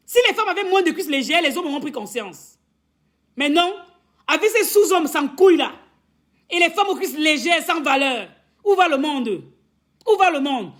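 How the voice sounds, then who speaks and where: A woman relationship coach giving an impassioned, scolding rant on a live stream, firing off rhetorical questions and stammering over repeated words. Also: sits high.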